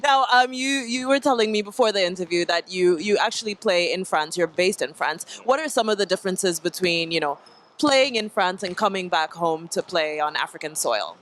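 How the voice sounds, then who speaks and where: A woman's voice: lowish voice, expressive, normal speed, a bit bright, a little hiss or hum. Bubbly young woman sports host. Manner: bubbly, chatty questioner. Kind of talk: on-location interview.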